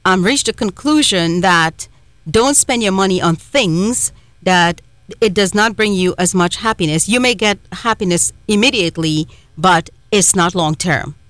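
In a dry recording, a middle-aged woman from Trinidad co-hosts a radio show, chatting casually and rambling through warm stories packed with fillers and restarts. She has a Trinidadian accent and a mid-range voice, and she takes her time.

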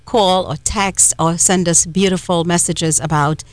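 On a radio talk show, this middle-aged co-host from Trinidad, speaking in a Trinidadian accent, tells warm, meandering stories full of fillers and false starts in easygoing chat. She's a little slow, with a fairly low pitch and fairly even intonation, and there's no echo.

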